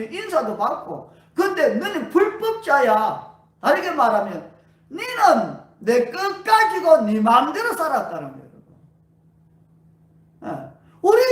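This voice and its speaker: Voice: sits high, a bit bright, distant mic. A pastor preaching a sermon at a healing revival, asking the congregation question after question. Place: church sanctuary. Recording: roomy church hall, voice away from mic.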